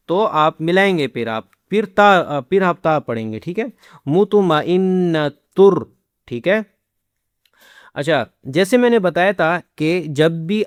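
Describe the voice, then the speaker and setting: A man's voice: on the high side, smooth, no echo, clean studio sound. A man teaching Quran recitation, spelling out letters and vowel marks and drawing out each recited word. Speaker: Quran tutor. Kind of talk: slow word-by-word recitation lesson.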